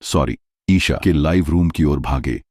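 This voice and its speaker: A man with an extremely deep voice reads a serialized story in a steady, dramatic way. The sound is dry and close, with no room around it. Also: measured pace, no room sound. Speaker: narrator. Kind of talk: scripted audiobook narration.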